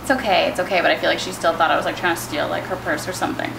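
A woman's voice: sits low, flat delivery, very fast, creaky, noisy background. A young woman from Canada, talking casually to camera while sitting in a parked car and rambling through her day. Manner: chatty, rambling, self-conscious asides. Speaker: vlogger. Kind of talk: casual vlog chat.

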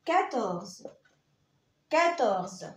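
A woman with an Egyptian Arabic accent teaching a beginners' French lesson, saying each word slowly and repeating it for the class. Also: on the high side, big pitch swings, far from the mic. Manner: slow, repetitive drilling of each word. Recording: echoey room, voice away from the mic.

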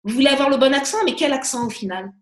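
A woman's voice: high-pitched, rapid-fire. A woman guest coach talking casually and with energy, often restarting her phrases with fillers. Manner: animated, many restarts and fillers. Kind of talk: casual interview talk. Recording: echoey room.

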